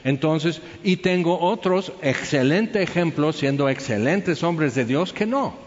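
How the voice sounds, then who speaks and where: A man with a Mexican accent preaching a sermon, animated, firing off rhetorical questions and acting out the people he quotes. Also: on the high side, a little slow. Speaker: pastor. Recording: echoey hall, dull lo-fi sound.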